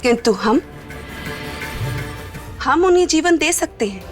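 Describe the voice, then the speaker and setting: A woman's voice: sits high, expressive, slow. A woman playing a scorned, spiteful woman in a TV mythological drama, speaking in a bitter, cold, theatrical way. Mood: cold threat. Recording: music playing behind the voice.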